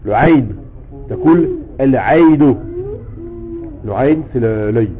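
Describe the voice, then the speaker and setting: A man teaching a language lesson, explaining patiently step by step and repeating words slowly for his student. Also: medium pitch. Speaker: Arabic teacher. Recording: tinny phone-like sound with faint noise.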